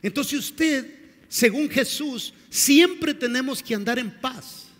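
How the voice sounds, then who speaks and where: High-voiced, husky preaching man. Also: takes it slowly, a bit bright, long reverb tail. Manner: dramatic preaching with rhetorical questions to the congregation. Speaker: pastor. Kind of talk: sermon.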